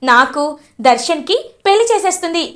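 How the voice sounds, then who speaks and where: A woman's voice: extremely high pitch, big pitch swings, moderate pace, pitched above the performer's own voice. A woman doing a gleeful scheming young woman. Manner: gleeful, boastful.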